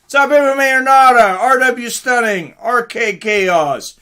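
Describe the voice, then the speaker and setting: A man hosts a casual live reaction stream, commenting on fights while chatting informally with viewers, greeting them and reading the chat aloud. His voice is very high-pitched, a little slow, and pushed and bright with a clean tone.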